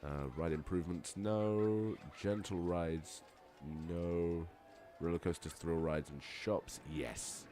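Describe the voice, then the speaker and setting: A man with a low, hoarse voice chatting his way through a game. His commentary is casual and playful, full of jokey asides to the viewers. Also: steady tone, slow, mellow, faint music behind. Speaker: let's play gamer.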